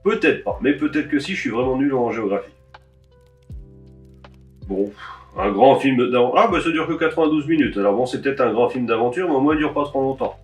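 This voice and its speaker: A man's voice: mid-range voice, animated, brisk, recorded from a distance. A man talks casually through a stack of DVDs, wry and grumbling, with the odd offhand swear. He sits a little back from the mic, in a room with a roomy echo. Faint music plays behind him. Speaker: DVD collector vlogger.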